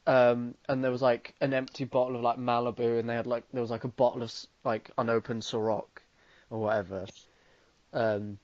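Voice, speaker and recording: A man's voice: mid-range voice, little pitch movement, brisk, a little mellow, no echo. A young man with an Irish accent co-hosting a podcast, cracking dry jokes and hesitating with fillers. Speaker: podcast co-host. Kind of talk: casual chat. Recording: dull lo-fi dry sound.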